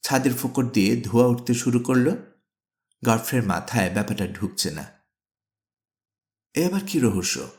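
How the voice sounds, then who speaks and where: A man narrating an adventure storybook in a steady, dramatic storytelling manner. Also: mid-range voice. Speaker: audiobook narrator. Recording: echoey room.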